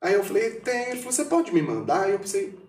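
A man with a fairly high, very lively voice tells stories from his radio work, acting out every quoted line. He sits back from the mic in an echoey room. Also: fast, recorded from a distance. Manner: animated storyteller acting out quoted dialogue, shouting at punchlines. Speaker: radio announcer, podcast guest. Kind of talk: casual storytelling chat.

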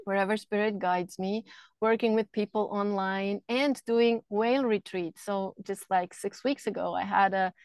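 A woman's voice: mid-range voice, steady tone, moderate pace, clean tone, no echo. Earnest Swiss-raised woman, dry close sound. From Switzerland. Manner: earnest, flowing, repeats words while thinking. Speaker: podcast guest, energy healer. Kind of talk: casual interview talk. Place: camper van.

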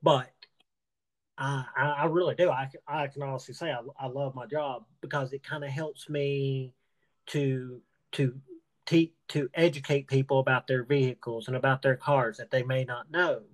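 A man's voice: medium pitch, steady tone, moderate pace. Earnest stammering male podcast host. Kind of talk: casual interview talk.

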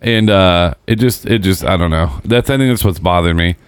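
A low-voiced man in his forties talks through a loose podcast conversation. He is blunt and swears freely, and he pokes fun at himself. His voice is close and dry, with no room sound. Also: normal speed, smooth, no echo. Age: 40s. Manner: blunt, profane, self-mocking. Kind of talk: casual chat.

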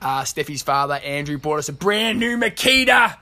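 A man's voice: on the high side, animated, moderate pace, bright, forceful tone. An Australian man hosting a podcast in casual banter, with a blokey, slangy way of talking. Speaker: podcast host. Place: outdoors.

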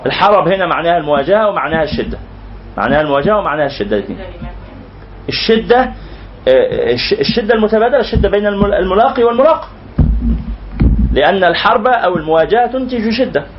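A man's voice: a little high, very animated, very fast, dull audio, a little hiss or hum. A man with an Egyptian accent teaching a lecture, explaining terms word by word and restating them again and again. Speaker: religious teacher. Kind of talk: lecture explaining a classical poem.

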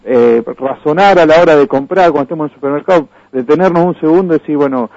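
A man's voice: a little high, quick pace, darkish tone, no echo. A man with an Argentine accent, a campaign guest on a radio interview, who talks earnestly and keeps restarting his phrases. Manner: hesitant, many restarts and fillers, earnest. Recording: dull lo-fi dry radio recording.

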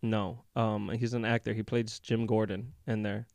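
A man's voice: fairly low pitch, little pitch movement, normal speed, gravelly, a little mellow, no echo. A man co-hosting a podcast in natural, unscripted casual conversation, blunt and teasing, with some swearing. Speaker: podcast co-host.

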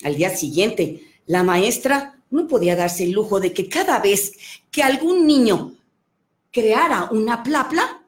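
A woman's voice: a little high, lively intonation, measured pace. A woman, a children's storyteller who talks expressively and exclaims often. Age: 50s. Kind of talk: animated storytelling.

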